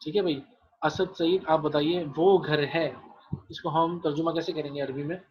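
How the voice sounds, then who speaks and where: Guy teaching arabic on a video call, patient, repeats stuff a lot, kinda husky, muffled lo-fi sound. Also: fairly high pitch, steady tone. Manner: patient, repeats phrases, calls on students by name. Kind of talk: online class teaching.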